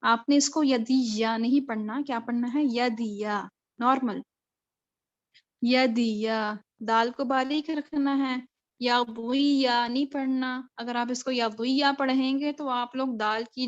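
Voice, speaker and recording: A high-pitched woman with a Pakistani accent leads an online recitation class. She breaks each word into syllables and repeats them slowly and patiently. Her voice comes through a dull, lo-fi video call line. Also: fairly even intonation. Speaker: Quran recitation teacher. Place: home room on a video call. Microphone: video call mic.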